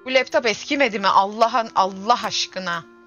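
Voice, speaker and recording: A woman's voice: mid-range voice, moderate pace, fairly bright tone. A young woman in her twenties streaming a game, chatting casually and grumbling and exclaiming to herself as she plays. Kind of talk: casual gameplay livestream chat. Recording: dull lo-fi stream audio with faint game music.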